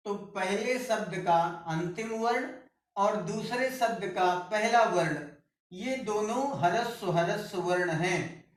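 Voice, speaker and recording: A male teacher walks through a grammar lesson at an unhurried pace, saying each word over as he writes it on the board. His voice sits back from the microphone in a strongly echoing room. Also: high voice, recorded from a distance. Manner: slow, repeats words while writing on a board; corrects himself mid-lesson. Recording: roomy echo, speaker away from the mic.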